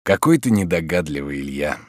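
A man voicing a steady, practical friend who speaks calmly and reassuringly. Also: extremely low pitch, a little fast, no echo, clean studio sound, pitched below the performer's own voice.

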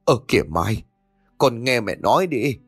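A man voicing a frail, bedridden elderly mother who pleads gently. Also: mid-range voice, very animated, a little slow, husky, dry recording, faint music behind, heavily acted. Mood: pleading.

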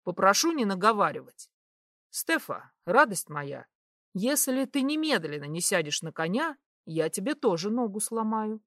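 A woman voicing a gruff, commanding young nobleman who speaks curtly and coldly. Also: mid-range voice, very animated, normal speed, fairly bright tone, no room sound, studio quality. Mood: cool mocking. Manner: curt, cold, bossy.

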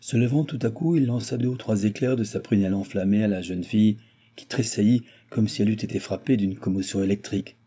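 Male audiobook narrator, low husky mellow tone, steady telling. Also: fast talker. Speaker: audiobook reader. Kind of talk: novel reading.

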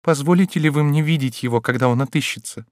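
A distraught young countess, as a male audiobook reader puts her on, speaks in a raised, strained and pleading voice. Her tone sits noticeably higher than a plain male voice, and the close, dry recording carries no room sound. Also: fast, no echo, natural voice. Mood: entranced. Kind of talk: audiobook character reading.

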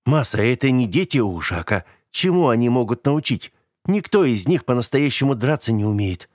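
A man's voice: medium pitch, very animated, moderate pace, darkish tone, dry recording, studio quality, voice pushed up, natural voice. A man voicing a naive young fighter in an audiobook, earnest and a little hesitant. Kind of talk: audiobook character voice.

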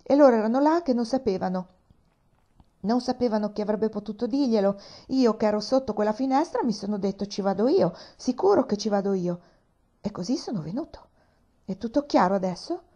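An earnest young boy, read by a woman, explaining in a rush and pleading to be heard. The voice is mellow rather than sharp. The storybook recording sounds dull and lo-fi. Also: mid-range voice, expressive, a little fast, close to an everyday voice. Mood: urgent. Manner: urgent, pleading.

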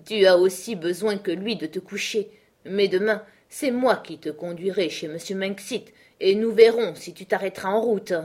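A woman reader voicing a loud, shrewish older woman who scolds her brother with heavy sarcasm. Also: medium pitch, moderate pace, slightly rough, natural voice. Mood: scolding, shrill.

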